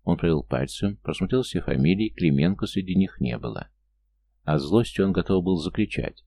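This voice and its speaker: A man reading a novel aloud as narrator in steady, measured storytelling. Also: low-pitched, creaky. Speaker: audiobook narrator. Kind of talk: scripted narration.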